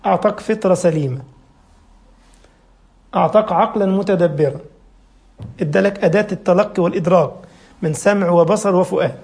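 Gravelly high-voiced Egyptian preacher. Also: male voice. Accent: Egyptian Arabic. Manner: rhetorical questions, mimics the people he argues against. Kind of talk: sermon.

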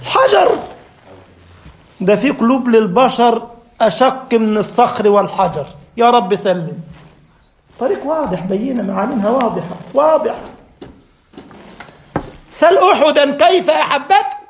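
A man preaching a sermon in an Egyptian Arabic accent, fervent and swinging between hushed and emphatic delivery. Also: extremely high pitch, expressive, moderate pace, creaky, reverberant, a little hiss or hum.

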